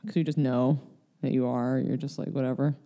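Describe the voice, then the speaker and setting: Young woman, casual podcast guest; mellow tone, candid, meandering delivery. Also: extremely low pitch, fairly even intonation, normal speed. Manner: rambling, filler-heavy, candid. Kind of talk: casual chat. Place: LA area.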